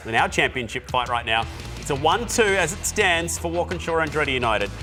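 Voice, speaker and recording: A man's voice: on the high side, lively intonation, a little fast, over music. A man, hosting a live esports racing broadcast in an upbeat, chatty way. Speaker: commentator host.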